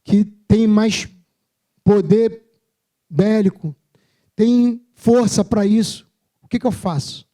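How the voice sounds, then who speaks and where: A man's voice: high-pitched, slow, pauses often, dark tone. A Brazilian man preaching a sermon at a church service, telling personal stories in a humorous, self-mocking, conversational way.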